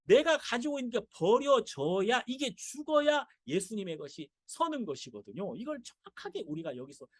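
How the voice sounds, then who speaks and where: Male pastor, dramatic storytelling preacher, very expressive pitch. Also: normal speed, hardly any pauses, no echo, studio quality. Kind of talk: sermon.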